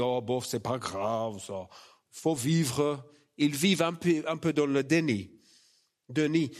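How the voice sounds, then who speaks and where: With a slightly high voice, a man preaches in French through an Australian accent, English being his native language. His sermon is personal and conversational, and his manner is loose, hesitant and self-mocking.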